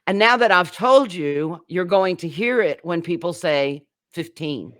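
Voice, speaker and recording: Slow-speaking woman teaching pronunciation. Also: lowish voice, expressive, a bit bright. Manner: slow, demonstrative, drawing out example words. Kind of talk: live online class instruction.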